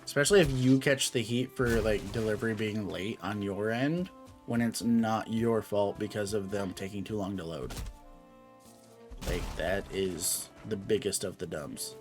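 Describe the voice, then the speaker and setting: A man's voice: lowish voice, unhurried, over music. A young man streaming a game, chatting casually and playfully, answering his chat as he goes.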